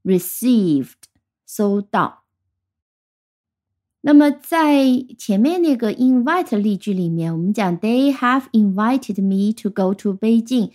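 Mellow-voiced woman teaching vocabulary. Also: on the high side, lively intonation. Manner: clear, patient explaining, slows down for English example sentences. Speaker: English teacher. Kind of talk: vocabulary lesson.

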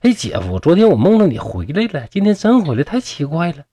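A man with a Northeastern Mandarin accent voicing a blunt, quick-tempered young brother. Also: fairly high pitch, huge pitch swings, dark tone, no room sound, pitched above the performer's own voice. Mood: puzzled.

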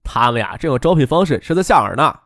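A man's voice: mid-range voice, sing-song, fast talker, a bit bright, no room sound, clean studio sound. A man voicing a cynical, wisecracking young man in an audiobook. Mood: sardonic. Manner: sardonic, joking. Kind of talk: audiobook character voice.

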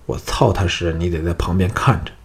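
A man's voice: low voice, steady tone, a little fast. A man voicing a scheming, cruel male noble villain in an audiobook, with a cold, gloating, menacing delivery. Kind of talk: audiobook character voice.

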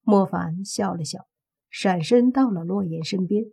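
A woman narrating a web-novel audiobook in slow, even storytelling. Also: mid-range voice, creaky, husky. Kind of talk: scripted narration. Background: faint background music.

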